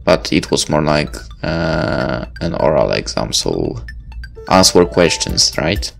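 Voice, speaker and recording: A man's voice: slow pace, vocal fry, soft background music. A man chatting casually as he plays through a visual novel, rambling along as he goes. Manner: chatty and rambling, with lively pitch swings. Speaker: game streamer. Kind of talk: casual let's-play commentary.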